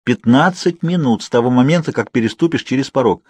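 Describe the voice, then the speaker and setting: A man's voice: medium pitch, brisk, darkish tone, breathy edge, no echo, pitched above the performer's own voice, lightly acted. A man voicing a commanding young man in an audiobook, clipped and firm. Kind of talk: audiobook character reading.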